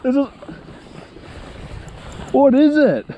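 A young man, a fishing vlogger, talking casually to an action camera from his kayak on a lake, chatty and quick to exclaim. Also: very high voice, sing-song, mellow, lo-fi sound. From Australia. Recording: wind and water noise outdoors.

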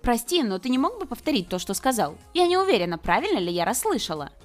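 A woman doing a defiant young woman in an animated story, sarcastic, indignant, high and animated. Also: quick pace, soft background music. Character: defiant, sharp-tongued poor young woman.

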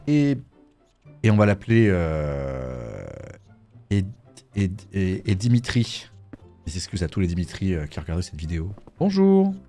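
Joueur français en let's play d'horreur : blagueur, animé, voix aux écarts marqués. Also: male voice, sits low, moderate pace, faint music behind. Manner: jokey, animated. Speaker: gaming YouTuber. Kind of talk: horror game let's play commentary.

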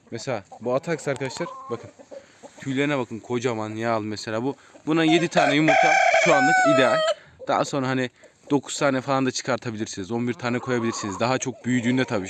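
A man casually showing viewers around his outdoor chicken coops, chatting to them as friends and calling out to his birds. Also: medium pitch. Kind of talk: casual vlog narration. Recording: noisy outdoor audio with chickens clucking and roosters crowing. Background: hens clucking and roosters crowing.

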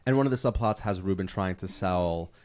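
A man's voice: low-pitched, fairly quick, a loud crowd. Man casually summarizing a film plot. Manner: summarizes plots with hesitant fillers. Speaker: podcast co-host.

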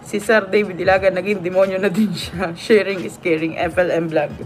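A woman's voice: lowish voice, fairly even intonation, normal speed. A woman hosting a casual live stream, reading viewer comments aloud and laughing often. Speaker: livestream vlogger reading comments. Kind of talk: casual livestream chat. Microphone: phone or webcam on a live stream.

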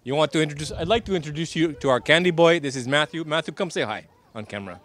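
A man's voice: on the high side, quick pace, a bit bright, close to an everyday voice. A man playing a jovial vampire count with a mock Transylvanian accent and choppy grammar, politely hosting ad-libbed street interviews. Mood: welcoming. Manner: polite, reassuring, choppy foreign-style grammar. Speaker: street host of a local TV Halloween show. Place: outdoors on a street.

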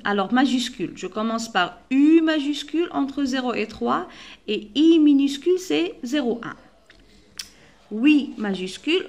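Higher-voiced woman teacher. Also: a little mellow. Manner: patient, spells out letters and repeats words. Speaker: primary school teacher. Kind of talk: recorded classroom lesson.

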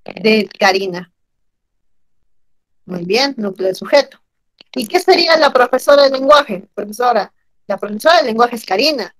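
A woman teaching grammar in an online class, animated and asking her students questions often. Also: a little high, normal speed, pauses often, dry recording, rough recording.

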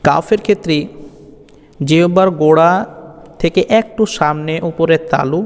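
Male Quran teacher, patient, chants letter sounds; smooth, slightly high voice in a reverberant hall. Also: normal speed. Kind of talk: online pronunciation lesson.

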